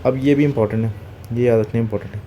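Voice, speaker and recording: A man's voice: mid-range voice, steady tone, very fast, dark tone, a little hiss or hum. A male teacher giving an exam-prep grammar lecture, spelling out sounds one by one and asking questions that he answers himself. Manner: checks in with "okay?" after each point.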